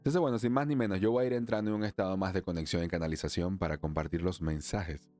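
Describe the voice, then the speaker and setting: Low-voiced Venezuelan man hosting a podcast. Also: fairly even intonation, quick pace, darkish tone, soft background music. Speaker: podcast host, emotional wellness therapist. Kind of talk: solo spiritual podcast talk.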